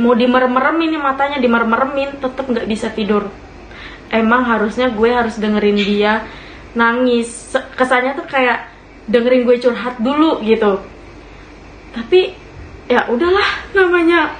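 Young woman, chatty ghost story, slightly high voice, echoey room, faint hiss. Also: normal speed. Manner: chatty, addresses listeners as friends; laughs while telling. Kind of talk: casual spoken ghost story.

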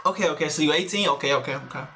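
A young man on a game voice chat with a bright, edgy tone, his pitch leaping all over the place. He stammers and trips over his words when flustered, then bursts into loud shouts. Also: sing-song, moderate pace, a little hiss or hum. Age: young adult. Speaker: streamer. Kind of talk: joking voice chat in an online game.

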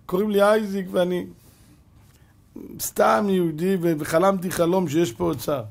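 A man's voice: high voice, steady tone, vocal fry, pitched above the performer's own voice. A man voicing a poor, frightened man who stammers and pleads to soldiers. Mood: pleading.

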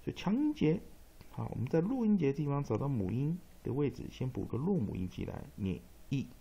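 A man teaching English pronunciation in a phonics lesson, speaking Taiwanese-accented Mandarin, spelling out letters and repeating rules, with frequent drawn-out fillers. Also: mid-range voice, sing-song, gravelly, mellow, breathy edge, highs cut off.

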